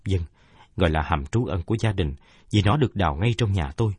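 A man tells a first-person story in a steady, measured manner. His voice is low and husky. It comes across close and dry, with no room sound. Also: dry recording. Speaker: narrator. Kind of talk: first-person audiobook narration.

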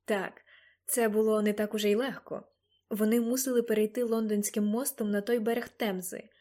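A woman's voice: medium pitch, little pitch movement, moderate pace, mellow, close to an everyday voice. A woman reading the lines of an elderly grandfather, earnest and a little guilty, in an audiobook. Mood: worried.

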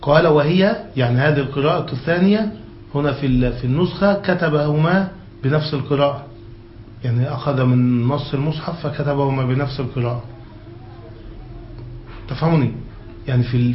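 Man teaching grammar, echoey lo-fi recording. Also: fairly high pitch. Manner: keeps checking that students follow; reads passages aloud, then explains them. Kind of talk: classroom lesson explaining a grammar text. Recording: echoey, dull lo-fi room recording with faint hiss.

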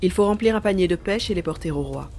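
A woman's voice: on the low side, lively intonation, fast, darkish tone. A woman voicing a stubborn peasant widow and mother in a storybook reading, bossy and scolding.

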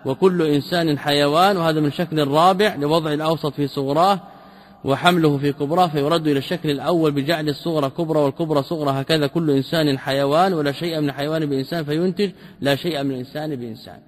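A man's voice: a little high, fairly even intonation. Man teaching a text in a reverberant hall. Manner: reads a passage, then explains it with rhetorical questions; repeats key terms slowly for emphasis. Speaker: teacher explaining a classical logic text. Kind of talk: line-by-line commentary lesson.

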